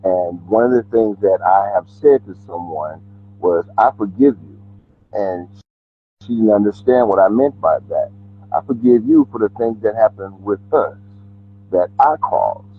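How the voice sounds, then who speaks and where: A middle-aged man talks easily and candidly, his low voice muffled as if it came through a wall. The sound is thin and phone-like from his earbud mic, with a husky edge to his tone. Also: expressive, a little slow. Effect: muffled, as if heard through a wall, from earbuds on a call. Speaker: family member calling into a talk show. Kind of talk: casual chat. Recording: muffled phone-like call audio.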